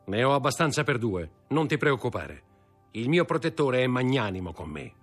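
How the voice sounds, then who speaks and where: Man reading as a brisk, disdainful young schemer; husky, quick. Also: mid-range voice, sing-song, faint music behind, pitched above the performer's own voice. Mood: curt.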